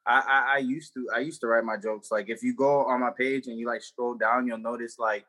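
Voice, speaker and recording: Bright-voiced slangy young man. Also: mid-range voice, steady tone, brisk. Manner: slangy, loose, many fillers and restarts. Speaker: comedian guest. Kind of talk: casual podcast chat.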